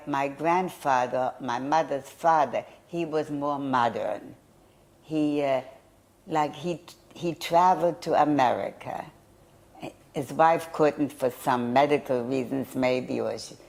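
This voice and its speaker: An older woman, born in Poland and a native German speaker, searches her memory hesitantly and restarts as she describes her childhood for an oral history. She speaks at a measured pace in a low, creaky, slightly mellow voice.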